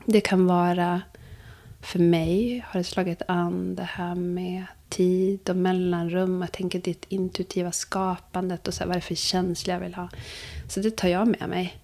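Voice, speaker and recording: A young adult woman speaking softly and reflectively as a podcast guest, sometimes dropping to a hush. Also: lowish voice, level tone. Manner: soft, searching, drifts into hushed whispers. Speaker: guest, vocal coach and therapist. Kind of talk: reflective conversation.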